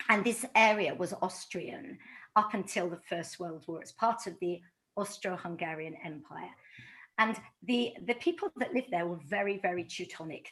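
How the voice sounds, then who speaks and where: A middle-aged woman from London, an author giving a talk to a community audience, telling stories with animation and acting out quoted exchanges. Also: fairly low pitch. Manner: animated storytelling, acts out quoted dialogue.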